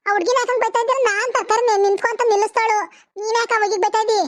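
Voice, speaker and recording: A woman's voice: very high-pitched, steady tone, very fast, no room sound, clean studio sound. A woman voicing an outspoken, scolding village aunty in a cartoon. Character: blunt neighbourly village aunty. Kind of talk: cartoon voice acting.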